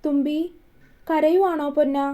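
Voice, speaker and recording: A tender young man in a spoken romance story, as a woman reads him, gentle and soothing. The voice stays high and soft, with a mellow tone. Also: steady tone, measured pace. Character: tender young man comforting his fiancée.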